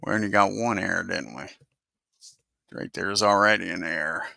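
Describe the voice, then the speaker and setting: Brief: male host, low and gravelly, bright cutting tone, unhurried play-by-play for a simulated ball game, mutters to himself over the software. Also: no echo, studio quality. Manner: talks to himself while working the game software; swears under his breath when the software fights him. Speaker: host of a baseball simulation channel.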